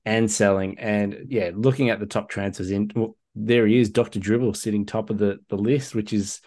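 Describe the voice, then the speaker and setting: A man's voice: on the low side, fairly even intonation, normal speed, warm tone. A man hosting a casual sports podcast, chatty and often laughing, with many fillers. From Australia. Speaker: podcast host. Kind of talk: casual chat.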